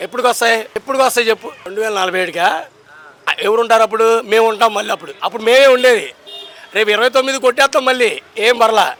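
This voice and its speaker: A man's voice: sits high, fairly even intonation, rapid-fire, a bit bright. A young man, arguing politics outdoors in a street poll, emphatic and combative, firing off rhetorical questions. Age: young adult. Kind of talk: impassioned political street talk.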